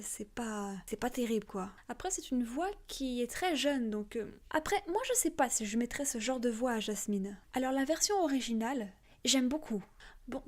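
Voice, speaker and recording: A woman's voice: sits high, a little mellow. A woman giving frank, chatty opinions in a casual vlog, with many fillers. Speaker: video creator.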